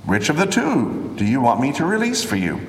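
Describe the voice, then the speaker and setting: A man voicing a stern, uneasy Roman governor during a measured scripture reading, in an echoey hall. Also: medium pitch, wildly swooping pitch, gravelly, voice pushed up. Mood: questioning. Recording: echoey hall with long reverb.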